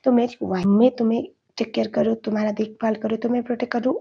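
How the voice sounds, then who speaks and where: A woman voicing a tender, devoted young husband who speaks softly and quietly, on a dull lo-fi recording. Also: on the high side, little pitch movement, fast talker, vocal fry, husky. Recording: lo-fi dull sound.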